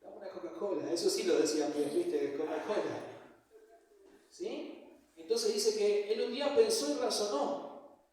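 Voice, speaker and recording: A man's voice: high voice, measured pace, a little mellow. A man with an Argentine accent preaching a sermon in a chatty, joking way, often checking in with his listeners. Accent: Argentine Spanish. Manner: conversational, joking, checks in with frequent "¿sí?". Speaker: pastor. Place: church hall. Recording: echoey church hall, mic far off.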